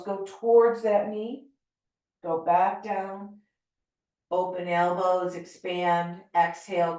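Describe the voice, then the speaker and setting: Middle-aged american woman guiding a yoga class, low-ish voice, super echoey, sounds far from the mic. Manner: calm, gentle cueing of breath and movement. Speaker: yoga teacher. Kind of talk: guided yoga class instruction.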